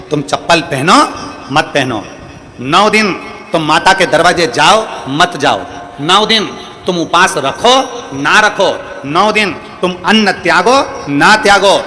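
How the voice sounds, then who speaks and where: Man, religious storyteller, fairly high voice, rhythmic repeated phrases, long hall echo, faint music. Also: slow pace, bright, forceful tone. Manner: sings bhajan lines, then preaches in rhythmic repetitions.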